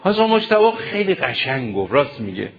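A man leading a religious mourning sermon, speaking straight to the gathering and moving into slow chanted lament. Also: medium pitch, sing-song, creaky, dull audio, slight background noise. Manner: moves from spoken storytelling into slow chanted lament; addresses the gathering directly. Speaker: mourning preacher.

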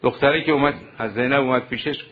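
A man leading a religious mourning sermon, speaking straight to the gathering and moving into slow chanted lament. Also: mid-range voice, steady tone, muffled recording. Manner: moves from spoken storytelling into slow chanted lament; addresses the gathering directly. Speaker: mourning preacher.

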